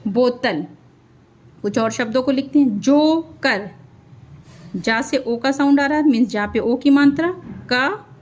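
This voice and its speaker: A woman's voice: on the high side, darkish tone. A woman teaching a children's spelling lesson, drawing out each word syllable by syllable. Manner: slow, drawn-out syllable-by-syllable spelling.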